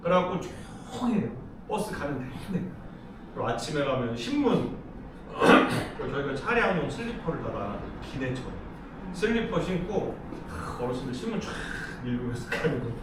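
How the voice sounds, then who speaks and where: Speaking in a sing-song way at a moderate pace, this middle-aged Seoul man has a fairly high voice. He's lecturing casually, chatting and telling stories with plenty of laughs, captured from a distance in an echoey hall with background noise.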